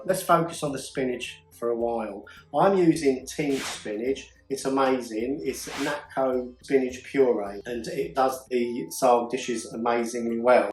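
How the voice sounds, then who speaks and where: Chatty man hosting a cooking show. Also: medium pitch. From United Kingdom. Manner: chatty and enthusiastic, jokey. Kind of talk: casual cooking demonstration. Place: home kitchen. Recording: echoey kitchen with faint music.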